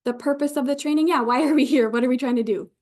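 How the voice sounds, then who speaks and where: Here a Yooper-accented woman from Upper Michigan runs a live online training session, chatting informally and putting her learners at ease. Her pitch is high, her pace quick, and her tone a little mellow.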